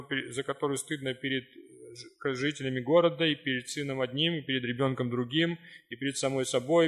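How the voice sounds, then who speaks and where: A man in his forties leads a seminar and works through audience questions. He talks in a loose, conversational way, with teasing irony and mock-naive questions. His voice sits at an ordinary middle pitch. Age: 40s. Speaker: seminar lecturer answering audience notes. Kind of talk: live seminar Q&A talk.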